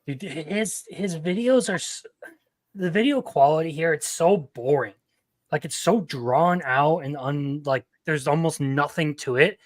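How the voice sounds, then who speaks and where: A man's voice: on the high side, a little slow, dry recording, studio quality. A man co-hosting a podcast, commenting critically and with exasperation. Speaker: podcast co-host. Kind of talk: casual reaction chat.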